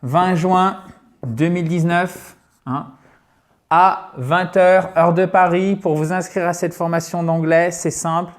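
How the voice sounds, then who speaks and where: Middle-aged male English teacher, higher register, conversational to-camera promo, addresses viewers as friends. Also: fairly even intonation, takes it slowly. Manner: chatty, keeps checking in with "ok?". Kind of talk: direct-to-viewer course promotion.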